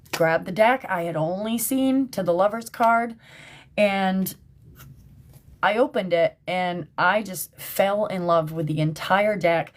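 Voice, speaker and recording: A chatty woman with a fairly low voice, hosting a casual livestream from her phone. She talks in an emphatic, conversational way and keeps checking in with her viewers. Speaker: tarot reader and livestream host. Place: at work in a shop.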